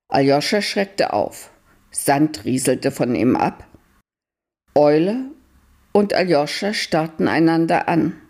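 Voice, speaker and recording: Woman reading a fairy tale, low voice, takes her time. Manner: calm, unhurried reading. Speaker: narrator. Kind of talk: storytelling read aloud.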